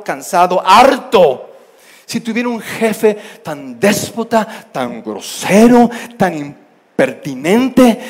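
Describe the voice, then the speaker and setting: A man's voice: sits high, voice pushed up. A man playing a furious, fed-up worker. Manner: indignant, loud complaining. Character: fed-up adult worker ranting about a tyrant boss.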